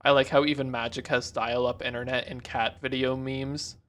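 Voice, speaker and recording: A man's voice: mid-range voice, flat delivery, normal speed, over music. Rambling man reacting to a cartoon. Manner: rambling, self-interrupting, jokey. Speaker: reaction video host. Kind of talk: casual reaction commentary.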